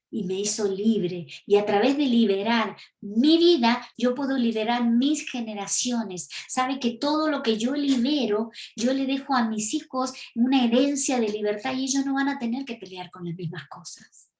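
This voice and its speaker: A woman's voice: a little high, a little mellow. A woman with an Argentine accent preaching a teaching sermon, emphatic and full of rhetorical questions. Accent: Argentine Spanish. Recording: echoey room.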